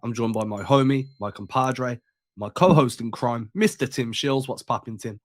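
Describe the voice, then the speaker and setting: A congested man hosts a sports podcast, sounding sick and a little stuffed up. He chats in a loose, slangy way at a middling pitch, recorded close and dry. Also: normal speed, dry recording. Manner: laid-back, slangy, chatty. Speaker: podcast host. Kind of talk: casual sports podcast chat.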